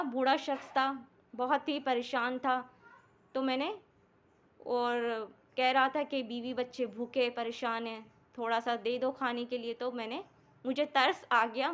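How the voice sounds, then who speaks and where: A woman's voice: sits high, fairly bright tone. A woman voicing a devout man who guards donated goods and explains why he let a thief go, in a storytelling talk. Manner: earnest, explaining himself. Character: devout man guarding stores, earnest and kind-hearted.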